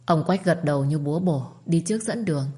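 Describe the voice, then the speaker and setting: A woman narrating a story in a calm, steady reading voice. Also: deep voice, a little fast.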